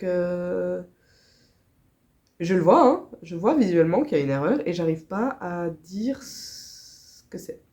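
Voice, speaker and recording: A woman's voice: fairly low pitch, warm tone. Nasal Swiss woman with a cold. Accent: Swiss French. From Switzerland. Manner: chatty, laughs often, many fillers. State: stuffy nose from a cold. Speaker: crochet vlogger. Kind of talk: casual chat.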